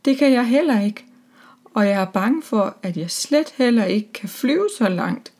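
A woman's voice: on the high side, expressive, darkish tone. A woman voicing a fussy, anxious Easter hen in a children's storybook reading. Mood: distressed.

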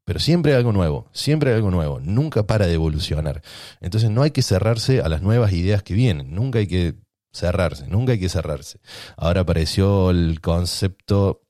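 A man with a low voice and a Rioplatense Spanish accent hosts a casual solo podcast. He rambles and provokes, thinking out loud as he goes. The sound is dry, with no room echo. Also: lively intonation, normal speed. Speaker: podcast host.

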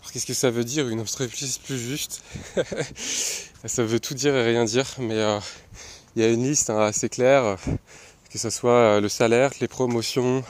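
A man's voice: mid-range voice, steady tone, moderate pace, long pauses. Chatty man musing on management. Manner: loose and chatty, many fillers and restarts, laughs at his own asides. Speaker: podcast host. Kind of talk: casual solo talk on management.

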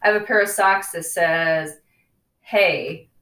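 A woman with a low voice co-hosts a casual podcast, easygoing and quick to tease. She sits back from the mic, so her voice sounds distant in a roomy space. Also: steady tone, pushed and bright. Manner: easygoing, laughs often, teasing. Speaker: podcast co-host. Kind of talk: casual chat.

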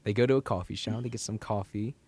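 A man of twenty-three hosting a casual book discussion, retelling the plot with lively asides. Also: fairly low pitch, quick pace, slightly rough. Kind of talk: casual book-club chat.

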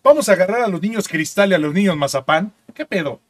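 Hombre mexicano de voz aguda y expresiva. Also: male voice, high-pitched, fast talker, no echo. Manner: joking, crude slang, animated impressions. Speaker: podcast co-host. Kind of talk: casual chat. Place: studio.

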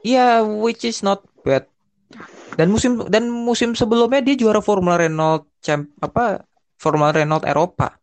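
A young man with a fairly high-pitched voice chats loosely as a podcast co-host. He talks in slang, often stops to restart a phrase and drops in English words. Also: moderate pace. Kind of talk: casual chat.

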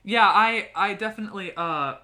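This podcast co-host speaks at normal speed in a mid-range voice that sounds pushed and bright. Her casual chatter rambles along, full of fillers and sentences she starts over.

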